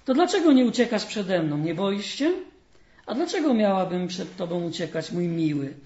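A sweet, serene old woman from a spoken fable, with a man doing her voice, asking questions gently. Her voice sits high and light. The room rings around her, and the recording sounds dull. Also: lively intonation, normal speed, echoey room. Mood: gentle, kindly. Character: tiny cheerful old woman, kind and serene. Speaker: storyteller.

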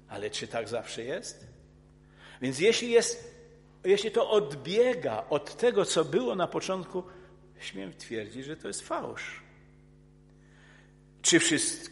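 A man preaching a sermon in an earnest, emphatic way, often restarting his words and rising into forceful outbursts. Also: on the high side. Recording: long hall reverb.

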